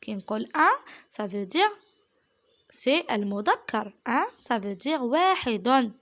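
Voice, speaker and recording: A woman's voice: fairly high pitch, very animated, normal speed, fairly bright tone. A woman teaching children French, patient and repeating each point, switching between French and Arabic. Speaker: primary school French teacher. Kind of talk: children's French lesson explained in Algerian Arabic.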